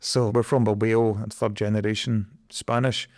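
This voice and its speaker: A man's voice: on the low side, flat delivery, unhurried, darkish tone, dry recording, clean studio sound. A Scottish man in his forties, a guest in an interview, talking earnestly and reflectively about his career. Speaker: guest, energy project director. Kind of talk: conversational interview.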